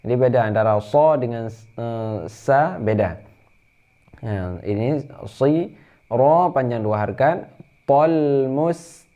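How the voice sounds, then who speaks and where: A man with an Indonesian accent teaching Quran recitation rules, explaining patiently and then chanting verses in a drawn-out higher voice. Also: highs cut off. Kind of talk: tajwid lesson with chanted recitation.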